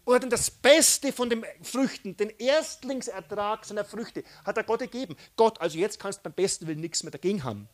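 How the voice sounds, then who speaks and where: A man preaching a sermon, animated, swinging between loud outbursts and soft, hushed asides. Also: high-pitched, fairly quick, hardly any pauses. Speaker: pastor.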